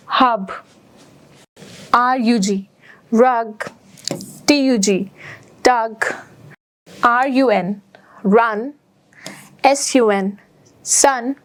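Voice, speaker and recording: A fairly high-voiced woman with an Indian English accent teaches phonics at a very slow, careful pace. She spells each word letter by letter and then says it, switching between Hindi and English. Her voice is close and dry, with no room sound. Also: dry recording. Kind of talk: phonics lesson for children.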